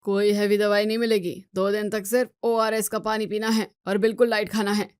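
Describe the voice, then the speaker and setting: A woman's voice: medium pitch, little pitch movement, brisk, darkish tone, clean tone, no echo, lightly acted. Woman doing a strict male doctor, commanding, dry close sound. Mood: stern. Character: stern male family doctor.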